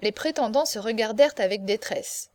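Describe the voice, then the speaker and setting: A woman narrates a classic novel as an audiobook. She reads in a steady, expressive way, with a fairly high voice. The sound is dry and close. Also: normal speed, no echo.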